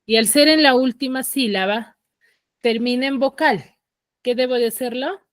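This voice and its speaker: Peruvian spanish lady teacher, patient, keeps quizzing the class, slightly high voice, dry sound. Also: normal speed, dry recording. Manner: patient, questioning, drills students step by step. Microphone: computer mic on a video call.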